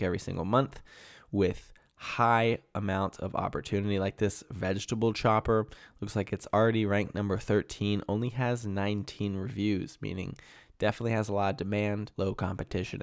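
An online selling coach in his thirties, nasal from a cold he's getting over, steadily explains his way through a screen-share tutorial. His voice sits fairly low, and the studio-quality recording has no echo.

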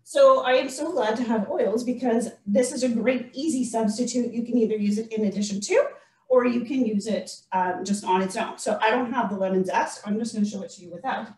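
A woman's voice: a little high, a little fast, darkish tone. A middle-aged woman walks through a baking recipe in her home kitchen, chatty and self-deprecating, often restarting her sentences. She stands well back from a laptop camera on a video call. The kitchen sounds roomy and echoey. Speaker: baking demonstrator. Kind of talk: casual cooking demonstration. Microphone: laptop camera across the room, video call. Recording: echoey kitchen, speaker far from mic.

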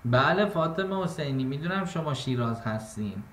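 A man teaching an exam-prep class on poetic meter. His voice sits a little high and rings in an echoey room. He talks to his students in a casual, step-by-step way and slows into a chant when he recites verses. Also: lively intonation, fairly bright tone, slight background noise. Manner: addresses students directly and casually.

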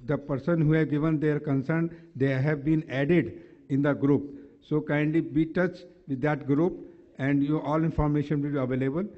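North Indian-accented man, slightly high, dull sound. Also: steady tone, moderate pace. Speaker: convention session host. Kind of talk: formal announcements at a conference, partly off the cuff. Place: large indoor hotel conference hall.

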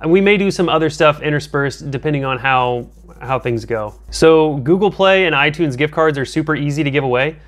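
A man's voice: a little high, fairly bright tone. A man in his thirties making a casual, upbeat giveaway announcement to his viewers in an informal, appreciative way. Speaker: gaming channel host. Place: small home room with desk and monitor, indoors.

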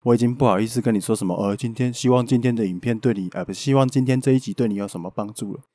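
A man's voice: medium pitch, racing, warm tone, no echo, clean studio sound. A man with a Taiwanese Mandarin accent, hosting a podcast and telling a ghost story in a playful, joking way with mild swearing. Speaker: podcast host. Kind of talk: casual storytelling.

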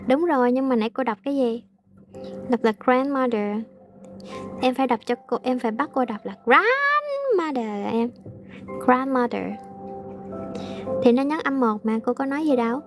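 A woman English teacher, translating aloud slowly in a casual lesson with frequent hesitations. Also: sits high, steady tone, darkish tone, faint music behind.

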